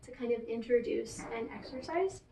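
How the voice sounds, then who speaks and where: A woman speaking as a therapist, calmly and gently guiding a client through a counseling session. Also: fairly high pitch, normal speed, creaky. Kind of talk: conversational therapy session role play. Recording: roomy echo, distant mic, faint noise.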